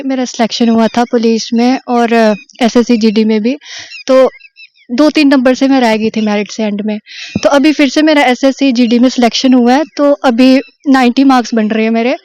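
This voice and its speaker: A woman's voice: fairly high pitch, darkish tone, no room sound. A young woman training for recruitment, giving earnest, plain-spoken answers in an outdoor interview. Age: young adult. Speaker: recruitment aspirant.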